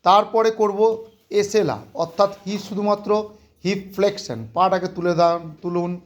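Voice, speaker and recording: A man's voice: high-pitched, steady tone, a little slow. A male physiotherapist demonstrating knee rehabilitation exercises on a patient, counting repetitions aloud, giving short commands and slipping English medical terms into his explanations.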